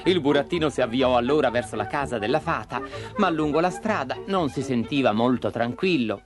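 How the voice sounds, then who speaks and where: Lively male storybook narrator. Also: medium pitch, fairly quick, over music. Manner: expressive and lively. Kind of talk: storybook reading for children.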